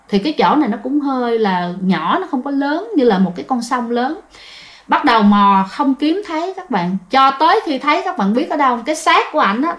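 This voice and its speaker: A woman with a Southern Vietnamese accent telling ghost stories in a chatty way, often turning to her listeners. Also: sits high. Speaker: storyteller. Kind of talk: casual ghost-story telling.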